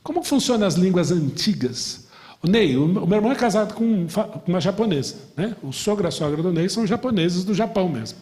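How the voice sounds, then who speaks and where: A man from Brazil, a middle-aged pastor, teaching a lively Bible class, asking the class questions and joking. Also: sits high, brisk, in a large hall. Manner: animated, asks the class questions and jokes.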